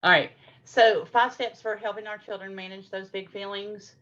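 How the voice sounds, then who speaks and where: A middle-aged woman runs a parenting workshop, explaining things warmly with patient examples and acting out the lines of both adults and children. Her voice is medium-pitched and steady at a normal speed, and the recording has its highs cut off.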